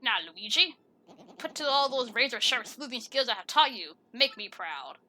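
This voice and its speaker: A woman's voice: on the high side, animated, moderate pace, sharp tone, slight background noise. A woman reading aloud as a pompous male penguin detective with stately, over-formal phrasing, reading the game's dialogue.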